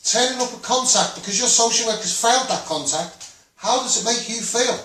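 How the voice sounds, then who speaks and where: Extremely high-pitched and brisk, a children's rights campaigner with a Scouse accent delivers an impassioned, rambling, blunt monologue to online viewers, repeating himself frequently. There's background noise, and he's far from the mic in a very echoey room.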